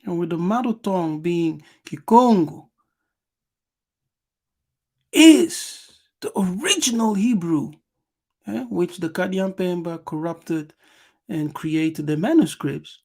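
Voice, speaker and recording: Slow, gravelly-voiced man lecturing. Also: high voice, animated, darkish tone. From Angola. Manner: emphatic, repeats words and punctuates with "yes". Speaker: channel host. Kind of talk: lecture, reading passages aloud and commenting.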